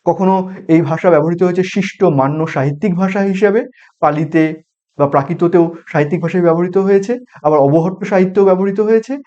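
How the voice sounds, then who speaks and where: A man giving a recorded university lecture, explaining step by step and pausing on example words, with a Bengali accent. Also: high-pitched, warm tone, lo-fi sound.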